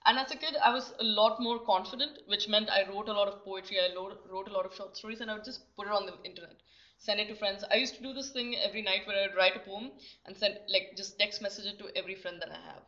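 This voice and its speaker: A young woman chats on a podcast, candid and self-deprecating, tripping over restarts. Her voice is bright and crisp at the top. The recording is a little dull and lo-fi. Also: medium pitch, fast. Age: young adult. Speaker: guest. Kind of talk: casual podcast chat. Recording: slightly muffled lo-fi recording.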